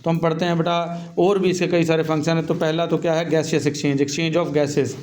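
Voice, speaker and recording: A man's voice: fairly high pitch, level tone, brisk, a little mellow. Fatherly male teacher lecturing. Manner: calls students "beta", asks and answers own questions. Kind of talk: lecture, reading English lines then explaining.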